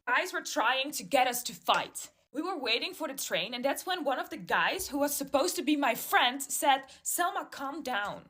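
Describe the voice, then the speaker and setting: A woman's voice: sits high, normal speed, hardly any pauses. A young woman telling a get-ready-with-me storytime, acting out the voices of the people in it. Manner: lively storytelling, acts out voices.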